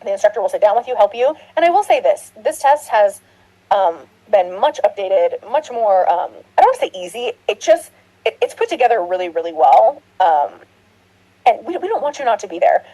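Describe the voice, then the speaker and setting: A woman's voice: mid-range voice, sing-song, a little fast, mellow, poor audio. A middle-aged woman nursing instructor giving a recorded orientation lecture, chatty and rambling, with laughs and restarts. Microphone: computer mic, screen recording.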